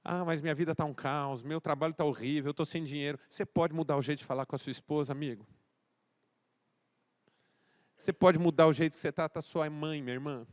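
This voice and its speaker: Preaching fast with hardly any pauses, a male pastor from Brazil keeps his voice on the high side with fairly even intonation. He moves between loud exhortation and quiet, intimate address, performing dialogue as he tells a story.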